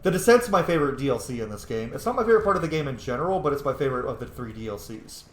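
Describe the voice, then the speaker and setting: A man hosts a game playthrough video with casual, playful, sweary commentary. His mid-range voice races along with big pitch swings, recorded in an echoey room with faint noise.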